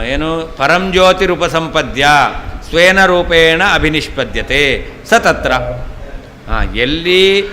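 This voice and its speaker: A man's voice: on the high side, sharp tone. An older man, a scholar teaching a scripture class, explaining patiently and repeating key terms. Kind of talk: traditional scripture lesson. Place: temple hall. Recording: long hall reverb, faint ambient noise.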